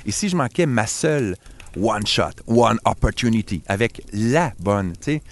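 A man's voice: on the low side, animated, normal speed. A man with a Québécois French accent, a tech guest on a podcast, telling a self-mocking story in casual chat. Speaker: podcast guest, tech and social media expert.

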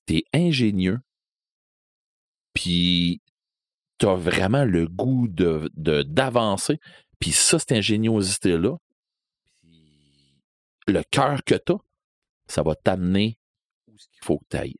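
A man's voice: expressive, no room sound, studio quality. Man playing a gaunt devil-like stranger. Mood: ominous. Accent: Québécois. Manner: slow, low, hushed and ominous.

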